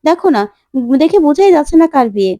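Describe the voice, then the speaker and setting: A blunt young woman with a teasing edge, done by a woman narrator. High and mellow in tone. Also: big pitch swings, quick pace, no echo.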